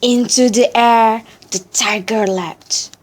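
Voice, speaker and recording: High-pitched woman reciting a story slowly. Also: fairly even intonation. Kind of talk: dramatic storytelling recitation for choral speaking practice.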